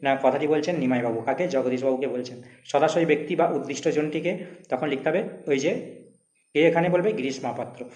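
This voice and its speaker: A man's voice: fairly high pitch, fairly quick, a little mellow, reverberant. A Bengali-accented man teaching a school literature lesson, reading old prose aloud and then explaining it in plain speech with exam questions.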